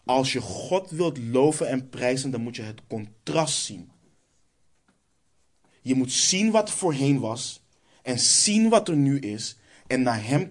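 Guy preaching, reads scripture then answers his own questions, medium pitch. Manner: reads Bible verses aloud, then asks and answers rhetorical questions. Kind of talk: sermon.

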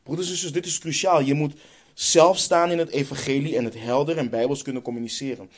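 A man's voice: fairly high pitch, steady tone, fast talker. A man with a Dutch accent preaching a sermon, emphatic and stressing points by repeating phrases.

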